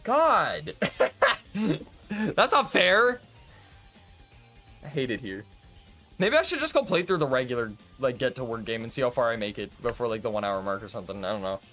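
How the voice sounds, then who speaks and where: Man streamer, rambling casual chat, bouncy pitch, bright tone, faint game music behind. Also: sing-song, brisk. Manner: rambling, chatty, swears and laughs often.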